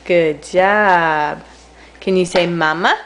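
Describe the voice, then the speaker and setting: A woman's voice: on the low side, slow, fairly bright tone, rough recording. A young mother at home patiently coaching her toddler, repeating simple prompts and praise. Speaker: mother teaching her toddler baby sign language.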